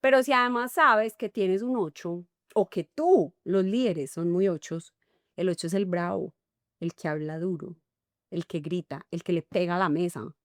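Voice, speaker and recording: Woman, middle-aged, Colombian paisa accent, expressive interview guest, dry close sound. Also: lowish voice, normal speed, dry recording. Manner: animated, acts out little dialogues. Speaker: guest, enneagram coach. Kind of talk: conversational interview.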